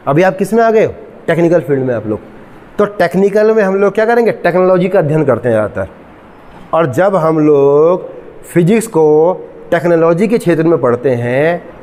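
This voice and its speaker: A middle-aged man teaching a physics class, mixing English terms into his lecture, regularly checking whether students follow, and slowly dictating definitions. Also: on the high side, darkish tone, long reverb tail. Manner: asks students frequent check questions, mixes English terms.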